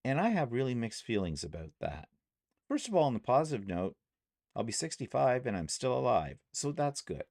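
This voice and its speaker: A man's voice: mid-range voice, very animated, a little fast, a little mellow, dry recording, studio quality. A man in his sixties, retired, chatting casually in a rambling way with many fillers on a vlog, possibly with a Canadian accent. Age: 60s. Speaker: vlogger.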